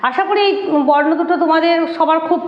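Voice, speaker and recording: A woman's voice: very high voice, fast talker. A woman teacher giving a spelling lesson at a board, patiently repeating and sounding out letters. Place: classroom-like room with a board. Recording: echoey dull room recording.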